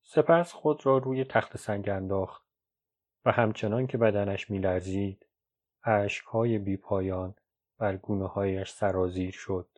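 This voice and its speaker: A man narrating a novel as an audiobook, in a measured, even storytelling read. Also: lowish voice. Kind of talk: scripted literary narration. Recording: dull lo-fi recording.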